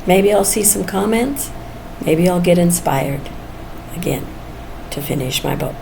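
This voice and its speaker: A woman of almost seventy talks candidly in a casual personal vlog, musing as she goes and chuckling often. Her lowish, creaky voice is animated but a little slow, and there is noisy background ambience.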